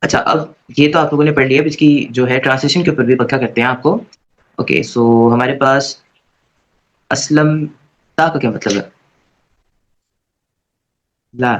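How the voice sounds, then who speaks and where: A man teaches an online Arabic grammar class at a medium pitch. He keeps checking in with his students and slowly chants verb conjugations aloud. The recording sounds dull and lo-fi. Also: steady tone. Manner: casual and repetitive, checking in with "theek hai?" after every point.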